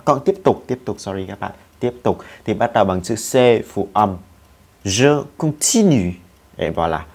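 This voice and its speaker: A man gives an online French lesson at an unhurried, deliberate pace. He is patient and methodical, spelling out letters one by one and repeating conjugations aloud for his students. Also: lowish voice. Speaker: French teacher.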